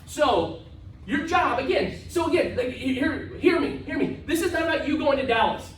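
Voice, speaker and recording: A man delivers a punchy motivational seminar to a live audience, hammering points home by repeating them. His voice sits high and leaps around animatedly. It is captured from across a reverberant room, with a faint hiss of background noise. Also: moderate pace. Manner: energetic and emphatic, repeats phrases and tags lines with "right?". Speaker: motivational event speaker. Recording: echoey room, far from mic, faint noise.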